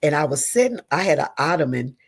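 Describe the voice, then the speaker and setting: Woman, middle-aged, gravelly voice, earnest storytelling, pastor's wife on an interview. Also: sits low, quick pace. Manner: earnest, animated, leans on endearments like "honey" and "girl". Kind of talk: emotional personal storytelling.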